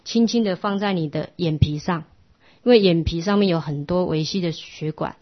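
A middle-aged woman, giving a patient, instructive Buddhist class lecture that often drops to a soft hush. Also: fairly low pitch, normal speed. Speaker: Buddhist teacher. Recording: lo-fi muffled recording.

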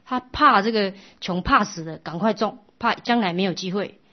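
A woman teaching a Buddhist dharma talk, telling a story in a gentle, storytelling way. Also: medium pitch, normal speed. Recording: dull lo-fi sound.

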